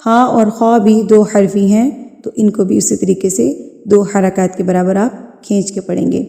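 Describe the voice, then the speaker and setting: A woman teaching a beginner's alphabet lesson to parents and teachers, calling out each letter in a long, drawn-out voice between plain explanations. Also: medium pitch, fairly even intonation, creaky, mellow, in a large hall. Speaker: Quran teacher.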